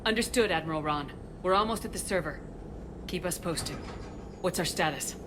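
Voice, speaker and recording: A woman's voice: fairly low pitch, moderate pace, noisy background, natural voice. A woman playing a confident, dry military commander in a video game, assured and understated. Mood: businesslike. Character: tough, loyal female military commander, wry and confident.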